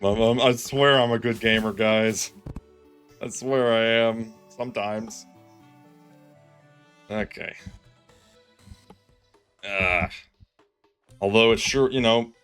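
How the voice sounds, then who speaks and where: A man with a fairly low voice talks through his game as he plays, jumping from calm planning to frantic pleading at the screen. He pokes fun at his own mistakes, and soft game music plays underneath. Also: takes it slowly, long pauses, clear, resonant tone. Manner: self-deprecating, excitable, groans and pleads at the game. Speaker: gaming streamer. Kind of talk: live gameplay commentary.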